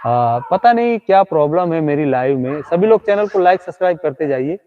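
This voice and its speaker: A man's voice: fairly high pitch, animated, fairly quick, narrow, tinny audio. A man hosting a comedy live stream outdoors at night, teasing and chatting with a ghost he claims stands in front of him. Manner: teasing, talks directly to an unseen ghost.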